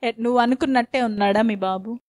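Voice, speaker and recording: A woman's voice: a little high, fast talker, darkish tone, dry recording. A woman interviewing a patient with leading questions.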